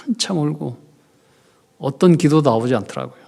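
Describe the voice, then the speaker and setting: A middle-aged man preaching a sermon as pastor, moving between quiet, hushed confession and loud, emphatic preaching. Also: fairly high pitch, expressive, moderate pace, vocal fry. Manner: acts out prayers in a soft, hushed voice.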